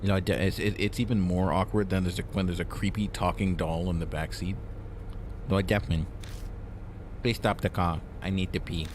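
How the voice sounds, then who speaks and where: A man's voice: low-pitched, steady tone, normal speed, darkish tone, a little hiss or hum. A man co-hosting a gaming video, chatting casually and reading out game dialogue.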